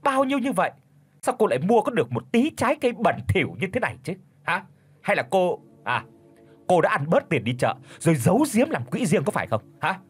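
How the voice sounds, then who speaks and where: A man voicing a spiteful old woman, a bullying mother-in-law, in a shrill, sharp-tongued scolding voice. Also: sing-song, husky, full character voice. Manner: scolding, fast accusing questions. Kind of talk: audiobook character voice.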